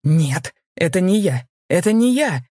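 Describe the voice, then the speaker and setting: A woman's voice: sing-song, measured pace, dark tone, no room sound, clean studio sound. A woman reading as a fat deposed king who babbles frantically and shrilly. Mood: panicked. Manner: frantic, shrill, repeating himself.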